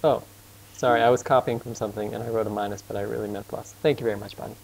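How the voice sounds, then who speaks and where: A man with a fairly low, gravelly, slightly mellow voice and a steady tone tutors math informally. Casual and patient, he asks his student questions while working and owns up to talking fast, over a rough recording with a little hiss or hum.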